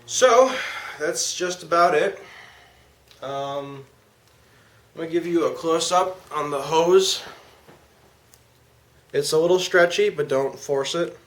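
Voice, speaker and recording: An amateur reviewer demonstrates a product in a casual, informal, slangy way. His voice is a little high and fairly bright, and he speaks slowly with frequent pauses. Background noise is clearly audible.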